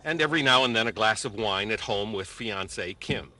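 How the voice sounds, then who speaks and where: A man narrating a news feature in a scripted style, with a wry, lively delivery. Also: on the low side, a little fast.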